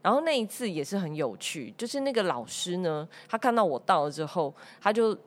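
Lively Taiwanese woman telling a story. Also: fairly low pitch, brisk. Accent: Taiwanese Mandarin. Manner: lively, laughs often, acts out dialogue. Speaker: podcast guest, performing artist. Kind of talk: casual storytelling.

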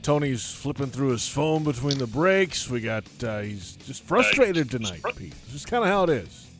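A man's voice: mid-range voice, big pitch swings, moderate pace, over music. A man hosting a sports talk show, moving between discussion and sponsor reads.

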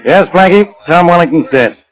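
A man with an American accent playing a gruff, exasperated police inspector in a 1940s radio drama. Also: a little high, animated, normal speed, loud music behind the voice, natural voice, low-quality recording. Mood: grim, emphatic. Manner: gruff, blunt.

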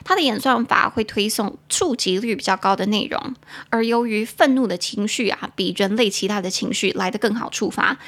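Young female podcast host, middle pitch, chatty teacher who spells words slowly. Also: fairly bright tone. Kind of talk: casual podcast English lesson.

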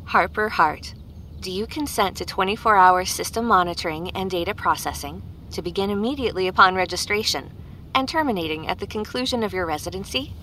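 A woman voicing a gentle, polite female wellness AI assistant that speaks in a formal, measured, courteous way. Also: mid-range voice, slight background noise, lightly acted. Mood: calm, courteous.

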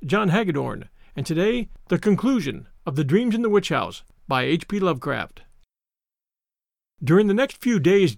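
A man's voice: high voice, vocal fry, no room sound, clean studio sound. A man, a podcast host, reading a horror story aloud in audiobook style.

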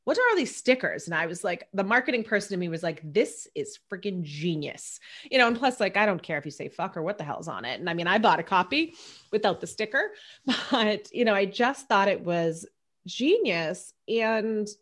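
A woman's voice: mid-range voice, expressive, a little fast, a bit bright. A woman hosting an interview podcast, chatty and enthusiastic, casually swearing as she praises her guest. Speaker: podcast host.

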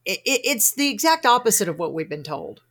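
A woman's voice: medium pitch, very animated, fairly quick, a bit bright. A woman with a Southern accent from Arkansas, hosting a casual interview in a chatty, effusive, anecdotal way. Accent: Arkansas, American South. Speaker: podcast host, fasting coach.

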